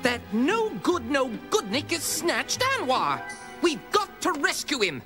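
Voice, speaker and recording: A woman voicing an earnest, excitable little boy mouse in a cartoon. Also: high-pitched, a little slow, over music, full character voice. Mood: indignant. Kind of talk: cartoon voice acting.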